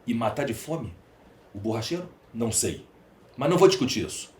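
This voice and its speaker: A Brazilian man speaks as a podcast guest in a mid-range, sing-song voice, brisk and darkish in tone. He uses lists and questions to build emphatic, rhetorical points in a conversational monologue. The recording has room echo and faint background noise.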